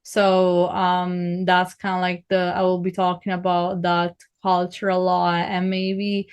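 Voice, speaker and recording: A woman's voice: lowish voice, completely flat delivery, slow, clean tone. A woman in her twenties from northern Italy, with an Italian accent, chatting as a podcast guest and speaking hesitantly with many fillers. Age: 20s. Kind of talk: casual chat.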